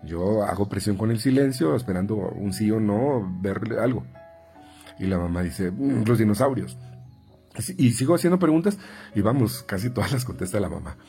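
This Mexican Spanish-accented speech therapist advises parents in numbered tips, speaking conversationally with many fillers, repeats, and restarts, and acting out parents and children in higher voices. At normal speed, his mellow, creaky voice has lively intonation, with faint music behind.

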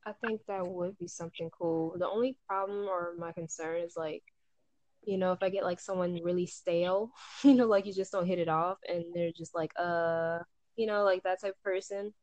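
A woman's voice: lowish voice, fairly even intonation, fairly quick, a little mellow, dry recording, low-quality recording. A young woman in casual chat about starting a podcast, laughing often and filling her talk with "like". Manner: chatty, laughs often, lots of "like". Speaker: aspiring podcaster.

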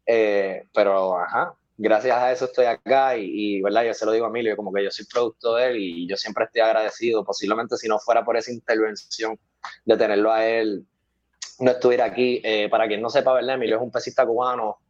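A man's voice: fairly low pitch, steady tone, a little fast, lo-fi sound. A man, a weightlifting athlete telling stories in a casual interview, acting out the voices of the people he quotes and laughing often.

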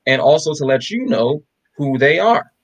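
A man's voice: on the high side, big pitch swings, normal speed, no echo, lo-fi sound. A man co-hosting a podcast, arguing emphatically with rhetorical questions in a casual discussion. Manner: emphatic, rhetorical, repeats "bro" and "right?". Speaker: podcast co-host.

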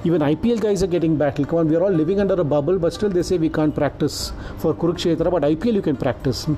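A man's voice: on the high side, very fast, dark tone, slight background noise. A man from South India with an Indian accent, hosting a humorous, rambling podcast and slipping Hindi phrases into his English in a mock-earnest way. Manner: tongue-in-cheek, mock-earnest. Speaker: podcast host.

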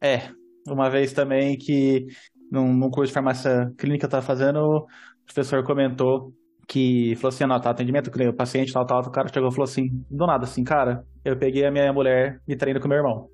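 Fast-talking man telling stories. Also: medium pitch, little pitch movement, a little mellow. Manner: storytelling, quick. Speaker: pharmacist, podcast co-host. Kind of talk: casual podcast chat.

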